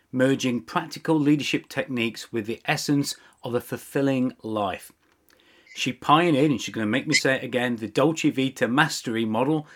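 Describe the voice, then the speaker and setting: A man hosting a business podcast, introducing his guest with upbeat, self-deprecating asides. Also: medium pitch. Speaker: podcast host.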